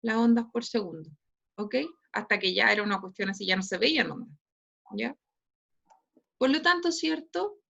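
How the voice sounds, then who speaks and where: A woman's voice: mid-range voice, moderate pace, gravelly, pauses often, a bit bright. A woman teacher with a Chilean Spanish accent lecturing an online class, ending nearly every phrase with a questioning tag. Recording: dull lo-fi online class audio.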